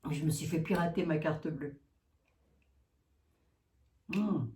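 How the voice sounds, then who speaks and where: A woman psychic with a deep, warm voice chats slowly and casually to camera, sounding flustered and laughing often between sentences. The room is echoey, with slight background noise.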